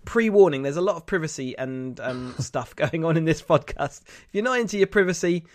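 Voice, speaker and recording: A man's voice: a little high, animated, fairly quick, no room sound. Nasal, congested man hosting a podcast. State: bunged up with a cold. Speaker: podcast host. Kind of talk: casual news discussion podcast.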